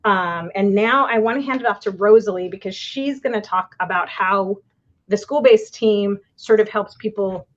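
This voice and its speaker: A woman's voice: medium pitch, normal speed, lo-fi sound. A woman presenting community health services on a webinar, speaking with frequent fillers. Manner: hesitant, many fillers. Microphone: video call.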